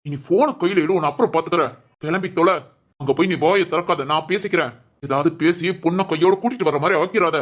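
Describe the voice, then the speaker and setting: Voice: medium pitch, quick pace, close to an everyday voice. A man voicing an angry, domineering husband in a cartoon, scolding his wife harshly. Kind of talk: cartoon family drama voice acting.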